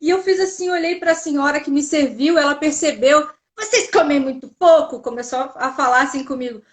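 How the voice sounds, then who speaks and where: A Brazilian woman co-hosts a live video chat. Her voice is high, and she tells her anecdotes in a chatty, personal way. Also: steady tone, a little fast. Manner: chatty storyteller. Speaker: host.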